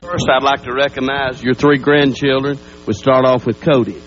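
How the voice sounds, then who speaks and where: A man, introducing guests on a live TV show as a brisk, chatty emcee. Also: medium pitch, steady tone. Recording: dull lo-fi broadcast tape with hum.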